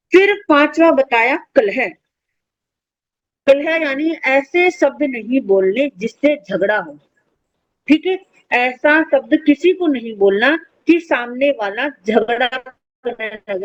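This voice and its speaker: A woman's voice: sits high, lo-fi sound. A woman teaching an online religious class to children, patiently explaining each point and answering her own questions. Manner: patient, asks questions then answers them herself.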